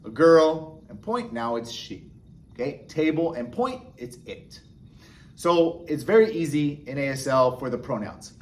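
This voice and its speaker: A man with a slightly high voice and lively intonation teaches a beginner sign language lesson at a measured pace. His casual instructional explanation is encouraging and chatty, and he often checks in with the viewer with "okay?" and "right?"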